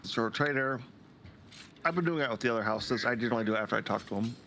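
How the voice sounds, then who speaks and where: A man's voice: mid-range voice, fast, bright, forceful tone, a little hiss or hum. A man playing a story game on a shared stream, reading dialogue aloud and chatting casually, sometimes stumbling over words.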